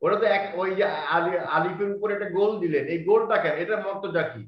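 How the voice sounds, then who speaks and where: High-voiced male student in an echoey room. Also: fast. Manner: asks earnest questions, addresses the teacher as sir. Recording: roomy, lo-fi sound.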